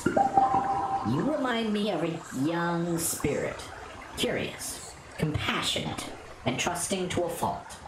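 A woman voicing a calm, wise computer AI guide, reading its lines low and measured. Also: background noise. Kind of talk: reading game dialogue aloud. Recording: echoey room, loud game music.

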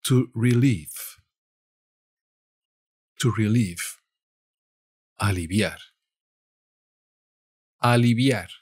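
A man from Spain with a Spanish accent, teaching vocabulary in a slow lesson and saying each word twice. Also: fairly low pitch, darkish tone, slightly rough, no echo, studio quality.

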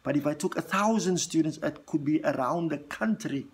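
Filmed up close indoors, a South African man in his forties who grew up speaking Afrikaans hosts a vlog, talking directly to the camera in a casual, earnest, rambling way full of fillers and restarts. His voice is fairly high and slightly rough, at a moderate pace.

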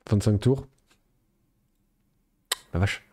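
A man's voice: lowish voice, very slow, mellow, no room sound. A man casually commenting on a strategy game as he plays, thinking aloud with many fillers. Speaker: gaming video host. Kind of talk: casual let's play commentary.

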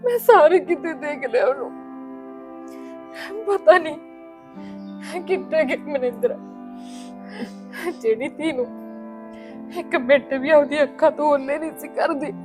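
A very high, tear-choked voice of a desperate mother wailing for her lost daughter, played by a woman in a family drama. She pleads and laments through sobs, with soft music faintly underneath. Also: slow pace, long pauses. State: crying. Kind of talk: Punjabi family drama acting.

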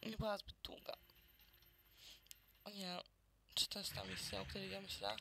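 Gravelly, mumbling let's play gamer. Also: male voice, sits high, flat delivery, moderate pace, noisy background. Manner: muttering, sarcastic remarks to viewers.

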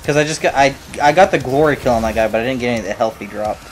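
A man casually commentating his own shooter playthrough, animated and swearing, cracking jokes. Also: mid-range voice, racing, faint music behind. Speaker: gamer playing through a shooter.

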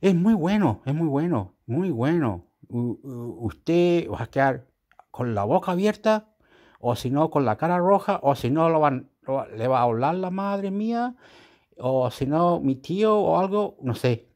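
A man's voice: a little high, lively intonation, a little slow, a little mellow. A man with a Chilean accent vlogging in a casual, rambling monologue, repeating himself and swearing casually. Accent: Chilean Spanish.

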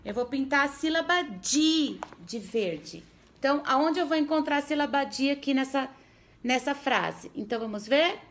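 High-voiced teacher patiently sounding out syllables. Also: female voice, animated. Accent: Brazilian Portuguese. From Brazil. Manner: slow, patient, sounding out syllables and checking in often. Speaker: primary school teacher. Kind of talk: remote literacy lesson for first graders.

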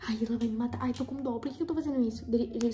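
A woman's voice: fairly high pitch, fairly even intonation, racing, mellow. A young woman with a Brazilian accent pranking a friend in a casual vlog, nervous and often dropping into a whisper. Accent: Brazilian Portuguese. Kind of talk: casual prank vlog, reading and typing messages aloud.

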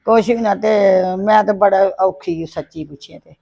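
A woman playing a gravelly, complaining mother-in-law. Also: mid-range voice, moderate pace, mellow, dull audio. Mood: aggrieved. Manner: complaining, indignant. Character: sharp-tongued older mother-in-law, quick to take offence. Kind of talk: family web-drama acting.

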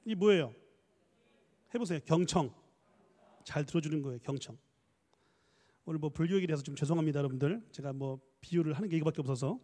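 A man giving a lively church lecture on counseling, coaxing the audience to read aloud and answer, switching between polite and casual speech. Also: on the high side, big-room sound. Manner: mixes polite and casual speech, quick asides. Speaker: professor leading a church training lecture.

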